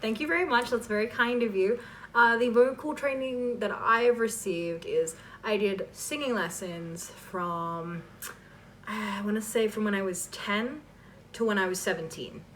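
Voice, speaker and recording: A woman in her twenties, an online voice performer, answers fan questions in a loose, rambling chat and keeps cutting herself off. Her mid-range voice is fairly bright and a little slow. The mic sits at a distance, and background noise is clearly audible.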